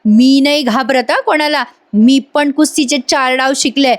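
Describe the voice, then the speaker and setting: A woman's voice: high voice, moderate pace, pitched above the performer's own voice, lightly acted. A woman voicing a brash, jealous young woman who taunts and bosses a young mechanic. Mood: taunting. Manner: taunting, teasing and bossy.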